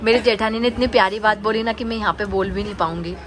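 A woman's voice: mid-range voice, fast, very noisy. A woman hosting a casual family vlog, chatting straight to her viewers. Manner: chatty, addresses viewers directly. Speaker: family vlogger. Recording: lively family crowd behind.

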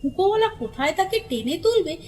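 A woman reading a classic children's story aloud in a lively, expressive way. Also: very high voice, quick pace. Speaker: narrator.

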